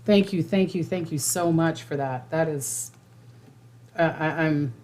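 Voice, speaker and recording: Casual, rambling woman with lowish voice. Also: unhurried, darkish tone. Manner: informal, rambling, repeats phrases for emphasis. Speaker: psychic host giving monthly predictions. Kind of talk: casual livestream talk to viewers.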